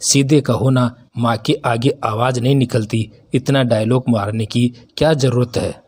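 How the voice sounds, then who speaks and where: A dismissive, mocking young husband, voiced by a male narrator in a storybook reading. His husky, breathy voice sits at an ordinary pitch. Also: fairly even intonation, measured pace, a little mellow.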